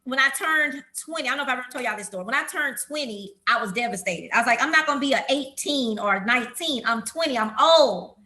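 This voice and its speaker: Donna vivace dalla voce acuta e brillante. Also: female voice, high voice, quick pace, hardly any pauses. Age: 50s. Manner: animated, talkative, laughs often. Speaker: host. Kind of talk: casual chat among friends.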